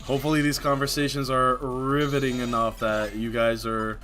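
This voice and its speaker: A man's voice: mid-range voice, little pitch movement, normal speed, a bit bright. A man streaming a video game, chatting casually with his viewers, rambling and laughing often. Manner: rambling, laughs often, lots of filler words. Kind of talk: casual live-stream chat while gaming.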